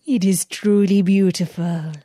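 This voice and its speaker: A woman voicing a wicked male magician disguised as a holy woman, speaking slowly and slyly. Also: medium pitch, fairly even intonation, dark tone, no echo, clean studio sound, close to an everyday voice.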